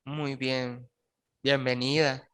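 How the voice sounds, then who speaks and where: Slow and level in tone, this mid-range male voice comes from a university lecturer running an online postgraduate class on a video call. He hesitates, starts words over, and frequently checks in with "¿sí?".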